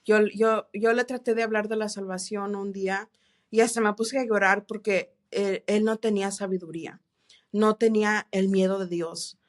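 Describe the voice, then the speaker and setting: A woman telling her faith testimony in an interview, earnest and halting, with many restarts and English words mixed in. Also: mid-range voice, steady tone. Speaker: interview guest. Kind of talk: testimony in a church podcast interview.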